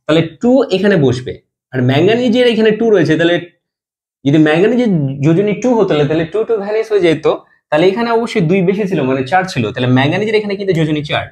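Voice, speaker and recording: A man's voice: high-pitched, animated, racing, a little mellow. A man teaching a chemistry lesson, explaining step by step and answering his own questions, dropping his voice at the end of each compound name.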